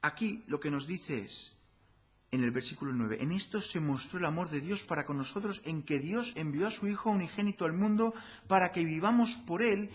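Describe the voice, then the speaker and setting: A man's voice: fairly high pitch, normal speed. A man with a Spanish accent from Spain preaching a sermon in a church, talking to the congregation with rhetorical questions and a conversational tone.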